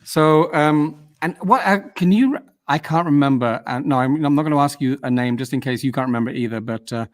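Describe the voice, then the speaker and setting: A UK man acts as host of a relaxed interview over video call, his voice at an ordinary middle pitch. He rambles in a chatty way, returns to earlier questions, and occasionally teases the guest.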